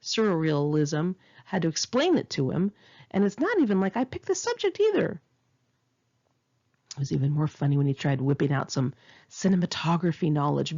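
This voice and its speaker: A woman with a lowish, warm, slightly rough voice reads her own first-person memoir aloud in audiobook style, and the recording sounds muffled. Her storytelling is dramatic, sarcastic and indignant.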